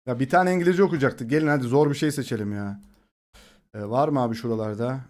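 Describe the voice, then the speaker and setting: A man's voice: mid-range voice, quick pace, darkish tone. A young man streaming live, chatting casually with viewers, joking around and laughing often.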